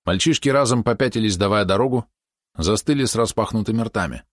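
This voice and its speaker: Low-voiced male audiobook narrator. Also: fast, no echo, studio quality. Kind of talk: scripted narration.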